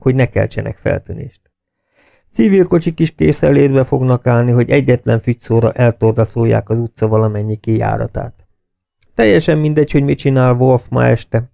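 A man's voice: mid-range voice, creaky, dark tone, dry recording, studio quality, lightly acted. A man voicing a tense, commanding army officer in an audiobook. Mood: determined. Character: tense British intelligence officer.

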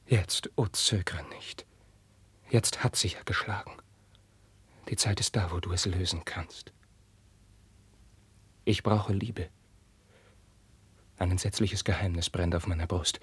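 An actor playing an anguished young prince, declaiming verse in a 1950s radio drama and swinging from hushed whispers to outbursts. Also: male voice, low-pitched, little pitch movement, moderate pace, long pauses, husky, no room sound. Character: young anguished prince, passionate, tormented by forbidden love.

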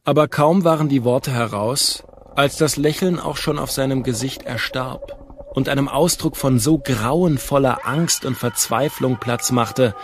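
A man reading an audiobook in a measured, calm storytelling manner. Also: medium pitch, slight background noise. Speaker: audiobook narrator. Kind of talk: scripted narration.

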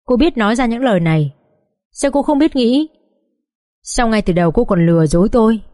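A woman's voice: on the high side, animated, fairly quick, mellow, no echo, clean studio sound, natural voice. A woman voicing an older mother-in-law in an audiobook, betrayed and grieving, reproaching through choked tears. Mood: scolding. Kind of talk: audiobook character voice.

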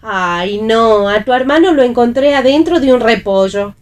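A woman's voice: fairly high pitch, expressive, normal speed, lightly acted. A woman voicing a fussy, doting mother who sighs over her son, in a radio theatre reading. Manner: fussy, sighing.

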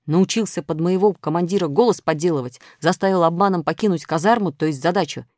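A woman's voice: fairly low pitch, fast talker, darkish tone, dry recording, clean studio sound, natural voice. A woman voicing a strict male toy soldier who lectures about discipline, in an audiobook. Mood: stern reproach. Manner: stern, lecturing.

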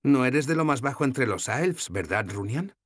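A man's voice: mid-range voice, lively intonation, moderate pace, dry recording, studio quality, voice pushed up, close to an everyday voice. A man voicing a spirited young village woman in an audiobook, speaking earnestly and boldly. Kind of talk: audiobook character voice.

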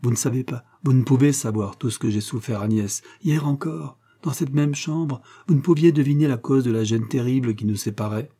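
A man voicing a grave, lovesick colonel in an audiobook, passionate and earnest. His voice is dark and husky, low in brightness, with a mellow warmth. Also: fairly quick, hardly any pauses. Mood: anguished.

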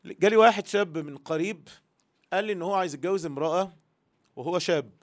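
High-voiced Egyptian man teaching religion. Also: fast talker. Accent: Egyptian Arabic. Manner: earnest, voices listeners' thoughts in first person. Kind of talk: religious lesson to women.

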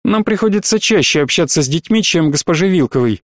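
Man reading gentle welfare inspector, calm and kind, dry close read. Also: on the high side, brisk, no room sound, natural voice. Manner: calm, kindly. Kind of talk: audiobook reading.

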